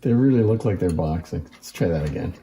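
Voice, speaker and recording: Showing off antique phonograph toys in a relaxed, hands-on way, this male presenter talks informally and with evident interest. His voice sits low, is expressive and moves fairly quickly, captured with roomy echo and a little background noise.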